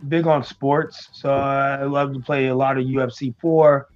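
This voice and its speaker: A man from the United States, raised in New York and Florida, talking as an interview guest in a relaxed, hesitant way with many ums. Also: medium pitch, measured pace, highs cut off. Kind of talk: casual interview chat.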